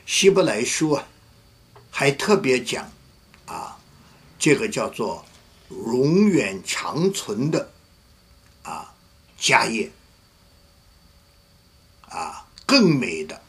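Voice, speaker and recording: A male pastor preaches in a gravelly, creaky voice at an everyday middle pitch. He tells his story vividly and slips into the voices of the people he quotes. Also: very animated, drawn-out words, pauses often. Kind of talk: sermon with storytelling.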